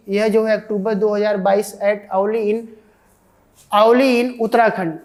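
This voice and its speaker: A woman's voice: medium pitch, a little mellow. A woman with an Indian accent giving an online exam coaching lecture, repeating key points and answering her own questions. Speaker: defence exam coaching teacher.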